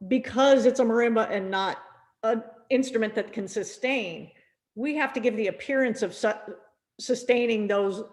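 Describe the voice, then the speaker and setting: A middle-aged woman teaching a percussion masterclass, gently encouraging and often repeating words as she thinks aloud. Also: on the high side, moderate pace.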